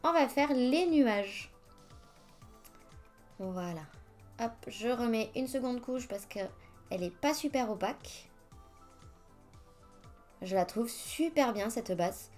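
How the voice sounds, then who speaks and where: A woman's voice: a little high, animated, slow pace, long pauses, darkish tone. A woman talking through a nail art tutorial step by step, chatty and ready to laugh at her own slips. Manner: chatty, self-mocking, narrates each step. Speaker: nail artist. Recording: faint music behind the voice. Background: faint music.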